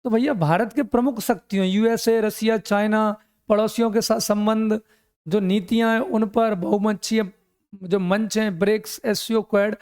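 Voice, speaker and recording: A man's voice: high-pitched, fairly even intonation, normal speed, darkish tone. A middle-aged man teaching an exam coaching lecture, mixing English terms into his explanations and often asking questions and answering them himself.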